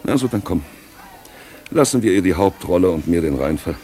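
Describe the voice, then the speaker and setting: An actor playing an urbane, mocking gentleman with a languid, ironic and cultivated way of talking, in an old radio drama. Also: low-pitched, lively intonation, brisk.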